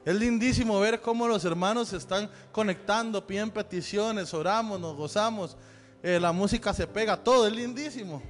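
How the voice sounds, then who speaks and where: A man's voice: sits high, normal speed. A male pastor with a Central American Spanish accent, giving chatty church announcements and joking with the congregation. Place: church sanctuary. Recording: long hall reverb with faint music.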